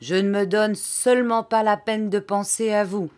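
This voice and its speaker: A woman's voice: mid-range voice, steady tone, normal speed, a little mellow, pitched above the performer's own voice, close to an everyday voice. A woman reading an audiobook, voicing an arrogant teenage schoolboy who speaks with cold disdain. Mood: contemptuous.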